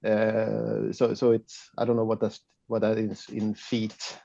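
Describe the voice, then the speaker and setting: A Swedish man with a gravelly, creaky voice and a Swedish accent, speaking English as a second language as an interview guest. He talks haltingly and laughs often. The sound is dull and lo-fi, like a remote call. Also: fairly low pitch, monotone, warm tone, dry recording. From Sweden. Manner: hesitant, many fillers and restarts, laughs often. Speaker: guest photographer. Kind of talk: casual interview chat.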